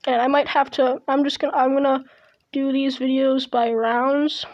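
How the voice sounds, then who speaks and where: High-voiced woman rambling over gameplay. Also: flat delivery, normal speed, highs cut off. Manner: rambling, hesitant, many restarts. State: chewing gum. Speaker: gaming video host. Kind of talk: casual gameplay commentary. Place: at home. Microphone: earbud headset mic.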